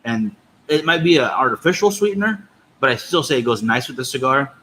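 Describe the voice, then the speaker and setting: A man's voice: mid-range voice, expressive, fairly quick, bright, forceful tone, slight background noise, low-quality recording. A man co-hosting a podcast, talking in a casual, conversational review style. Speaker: podcast co-host. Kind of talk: casual cigar review chat.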